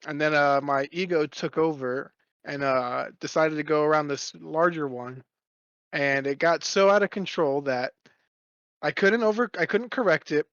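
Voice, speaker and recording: A young man chats on a podcast, telling a long, rambling story with plenty of swearing. His voice sits a bit high. The recording is dry and a little muffled. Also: moderate pace, fairly bright tone, dry recording. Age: young adult. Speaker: podcast co-host. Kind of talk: casual podcast chat.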